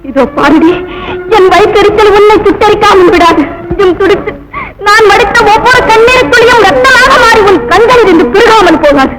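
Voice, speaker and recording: A woman's voice: extremely high pitch, measured pace, long pauses, poor audio. An actress playing a desperate young wife who begs tearfully for her husband and child, in 1950s film dialogue. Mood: cursing. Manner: pleading, tearful, turns to cursing. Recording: old film soundtrack with loud music.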